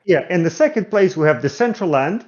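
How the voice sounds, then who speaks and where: A man's voice: high-pitched, expressive, a little fast, darkish tone, dull audio. A man in a casual discussion, explaining findings with frequent hesitations. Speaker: guest analyst.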